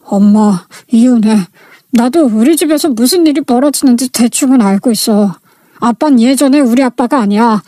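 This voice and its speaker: A woman voicing a blunt, ashamed young eldest son, speaking low and flat in a storybook reading. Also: moderate pace, no room sound, clean studio sound, lightly acted. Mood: grave.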